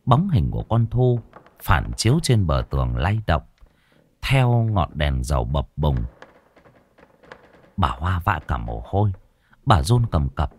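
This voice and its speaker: A man narrating a ghost story in a slow, dramatic, suspenseful way. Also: very deep voice, very animated, breathy edge. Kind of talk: scripted horror narration.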